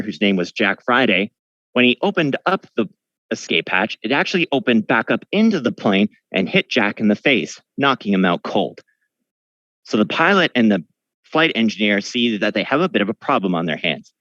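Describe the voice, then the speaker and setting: A man's voice: medium pitch, a bit bright, no echo, dull audio. A man guiding a museum tour, earnestly and solemnly retelling a wartime story.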